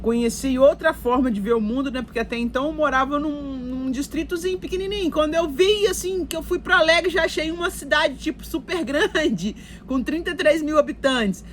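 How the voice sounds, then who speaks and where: A woman's voice: sits high, a little fast, a little hiss or hum. A Brazilian woman talking casually to her viewers, telling her life story in a chatty way with lots of fillers and asides. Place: recording while in Canada.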